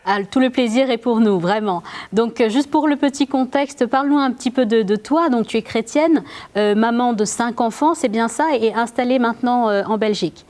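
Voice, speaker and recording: A woman hosting a casual discussion, polite and halting, often repeating words. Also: a little high, a little mellow. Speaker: host.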